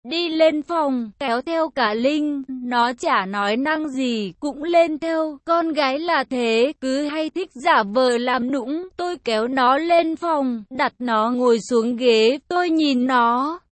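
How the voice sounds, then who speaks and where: A woman reads a first-person story aloud in a steady, intimate voice. Her pitch sits high, and the recording is close and dry with no room echo. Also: takes it slowly, hardly any pauses.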